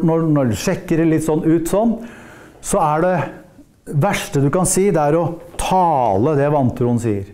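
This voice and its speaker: A man from Norway preaches to a Bible school class with a high voice. His tone stays dark and mellow. He teaches in a lively way and often acts out small dialogues. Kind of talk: preaching lecture.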